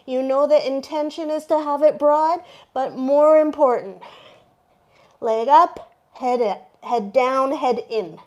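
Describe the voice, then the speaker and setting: Woman yoga teacher, fairly high voice, slow deliberate cues, repeats commands, encouraging, sometimes out of breath. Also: muffled recording. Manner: cueing poses with short repeated commands; encouraging, checks in with "okay?". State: out of breath at times. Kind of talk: live yoga class instruction.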